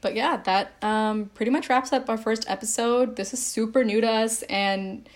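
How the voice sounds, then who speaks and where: A woman's voice: a little high, moderate pace. Upbeat young woman podcast co-host. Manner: friendly, upbeat, talks straight to listeners. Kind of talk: casual chat.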